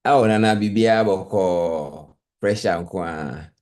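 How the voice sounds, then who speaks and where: A Ghanaian man with a low voice speaks informally in Rastafari talk. He moves back and forth between English and Twi as he chats. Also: a little slow, a little mellow. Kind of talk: casual chat.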